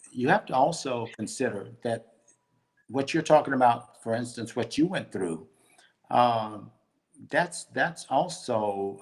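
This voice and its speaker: An older man, a bishop and guest, teaching in conversation at a measured pace and often repeating words as he thinks. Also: mid-range voice.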